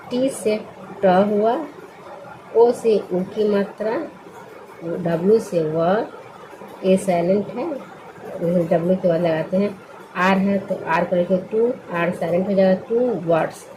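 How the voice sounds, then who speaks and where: This is a slow spelling lesson in which a woman patiently takes English words one at a time, posing questions and supplying the answers on her own. She speaks in a mid-range voice over a noisy background.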